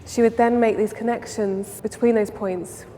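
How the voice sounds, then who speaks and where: A woman giving a measured, explanatory account in a documentary interview. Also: a little high, fairly even intonation, dark tone. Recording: long hall reverb, faint ambient noise.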